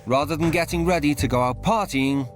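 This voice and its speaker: A man's voice: fairly high pitch, a little fast. A man reading scripted television narration as the narrator of a reality show. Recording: clear music behind narration.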